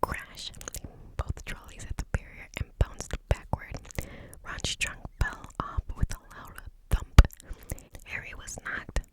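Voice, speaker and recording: Asmr lady whispering a book super quiet, no voice at all just breath, tingly mouth sounds. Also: slow, poor audio. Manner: whispering, barely audible, unvoiced.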